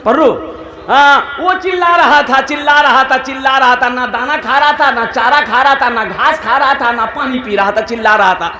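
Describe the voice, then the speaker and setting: A male preacher telling humorous stories in a sermon, acting out the villagers' dialogue in lively voices. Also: very high-pitched, normal speed, roomy sound. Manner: animated, acts out villagers in dialogue.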